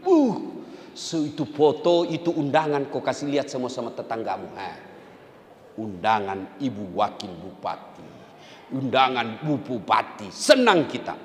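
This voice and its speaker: A man with a Buginese Indonesian accent preaching a humorous sermon to a large gathering, teasing the audience and bursting into loud high-pitched acted lines. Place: large hall at a public religious gathering. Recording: echoey hall with long reverb, faint noise.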